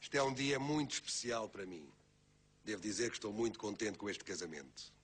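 Low-voiced man making toasts. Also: animated, brisk, a bit bright. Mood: proud, celebratory. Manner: formal speech-making. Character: proud, contented man toasting newlyweds. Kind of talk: television soap drama acting.

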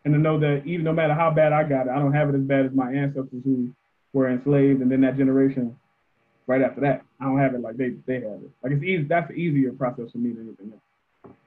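Husky man on a muffled line. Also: mid-range voice, fairly even intonation, fast. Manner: reflective, repeats words when starting. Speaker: debate coach. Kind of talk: panel discussion answer. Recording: muffled phone-like audio.

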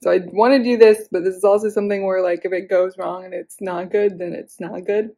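A woman vlogging in a casual, rambling way, a little hoarse as she is losing her voice, with self-deprecating asides and many fillers. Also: mid-range voice, fairly even intonation, quick pace, warm tone. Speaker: beauty vlogger. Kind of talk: casual chat to camera.

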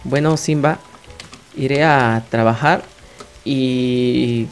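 A man with a Mexican accent giving playful, excitable gameplay commentary as a channel host, chatting to his viewers. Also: medium pitch, extremely slow, faint music behind.

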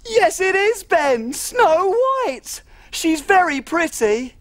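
Tiny giggly cook girl, lively sing-song voice, slow and careful, music behind. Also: very high-pitched, no echo, full character voice. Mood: playful. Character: tiny cheerful female cook helper. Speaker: children's TV presenter. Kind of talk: children's TV acting and storytelling.

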